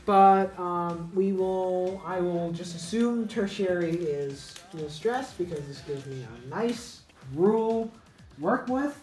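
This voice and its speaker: A woman's voice: fairly low pitch, slow pace, darkish tone, echoey room, soft background music, poor audio. A woman teaching English pronunciation in a casual lesson, thinking aloud with many fillers and self-corrections.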